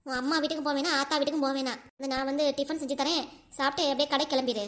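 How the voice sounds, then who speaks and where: A woman voicing a sharp-tongued scheming village wife in a cartoon, with a southern Tamil Nadu accent and a bossy, scolding manner. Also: high voice, steady tone, racing. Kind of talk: cartoon voice acting.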